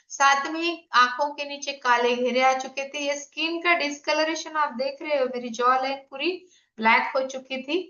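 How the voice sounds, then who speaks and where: A woman's voice: high voice, bright, forceful tone. A woman, a health coach explaining slides in an online presentation and putting questions to her audience. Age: 50s. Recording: echoey, dull lo-fi room sound.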